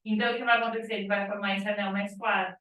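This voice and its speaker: A woman's voice: mid-range voice, flat delivery, rapid-fire, fairly bright tone. A female biology teacher lecturing a class, explaining step by step and checking in with "tá?". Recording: echoey classroom, far from mic.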